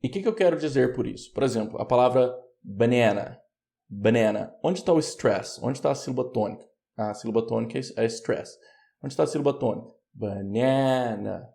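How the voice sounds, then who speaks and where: A man with a Brazilian Portuguese accent teaching English pronunciation, patiently explaining and repeating words slowly. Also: mid-range voice, creaky, mellow. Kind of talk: online pronunciation lesson.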